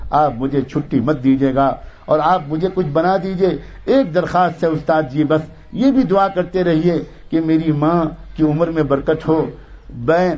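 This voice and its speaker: A man speaking as a young orphan boy, earnest and pleading, with a heartfelt tone. The voice sits fairly high. The recording sounds dull and lo-fi. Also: darkish tone, close to an everyday voice.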